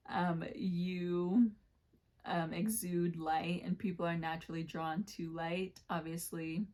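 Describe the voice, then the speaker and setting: A woman giving a casual tarot reading has a low, level voice with a slight scratch, and her pitch stays even, rarely climbing. Warm-hearted and rambling, she uses plenty of fillers and keeps correcting herself.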